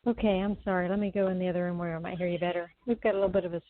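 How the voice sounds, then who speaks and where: A woman's voice: fairly low pitch, little pitch movement, racing. A woman calling in to a psychic advice show over a phone line, talking casually and hesitantly, with many ums and restarts. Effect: heard over a phone line. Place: at home during a thunderstorm.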